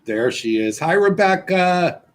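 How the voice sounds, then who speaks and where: A man's voice: high-pitched, expressive, unhurried, slight background noise. An American man co-hosting a casual show in a friendly, welcoming manner. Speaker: show co-host. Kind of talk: casual chat.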